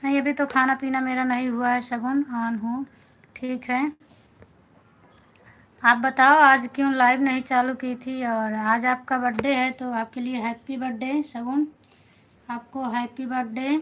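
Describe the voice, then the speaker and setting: A woman's voice: sits high, level tone, a little slow, rough recording. A middle-aged woman from north India hosting a live stream on her phone, chatting with viewers, greeting them by name and thanking them again and again. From Awadh, north India. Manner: chatty, warm-toned greetings, repeats thanks, reads out viewer names.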